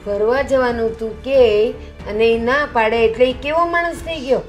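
A middle-aged woman playing a sensible mother who calmly lectures her daughter. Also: fairly high pitch, unhurried, soft background music, close to an everyday voice. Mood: lecturing. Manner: calm, lecturing.

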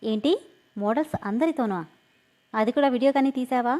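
A woman's voice: a little high, moderate pace, warm tone, voice pushed up, close to an everyday voice. A woman doing a firm, questioning young man. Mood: stern. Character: confident young man, amused then stern.

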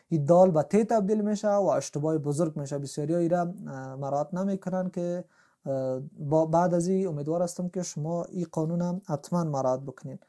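A man's voice: fairly high pitch, warm tone. A man, explaining a tajweed lesson as a Quran recitation teacher, patient and step by step.

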